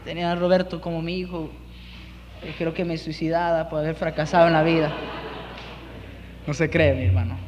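High-voiced preacher. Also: male voice, long reverb tail, slight background noise. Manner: preaching, mixes in English words, acts out scenes. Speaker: pastor. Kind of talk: sermon.

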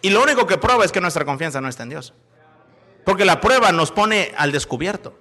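A high-pitched man preaches a sermon. His voice is bright and ringing, and he talks in a folksy, joking way, jumping from loud calls to hushed asides as he tells stories. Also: a little fast. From Mexico. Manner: animated, swings from loud calls to quiet asides. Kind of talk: sermon with storytelling.

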